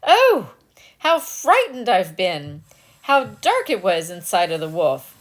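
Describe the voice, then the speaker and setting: A woman's voice: mid-range voice, wildly swooping pitch, heavily acted. A woman voicing an innocent, wide-eyed little girl in a dramatic fairy tale reading, stretching out wondering exclamations. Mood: frightened relief. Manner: exclaiming, drawn-out wondering phrases.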